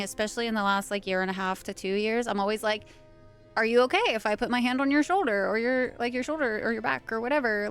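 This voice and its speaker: A woman's voice: on the high side, clean tone. A young woman live-streaming a game, chatting casually and playfully, swearing now and then, close on the mic. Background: faint game music.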